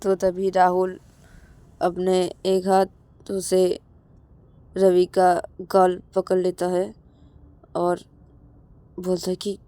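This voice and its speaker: A woman narrating a romance story at an unhurried storytelling pace. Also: fairly low pitch, monotone, warm tone, no echo. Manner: slow, plain storytelling.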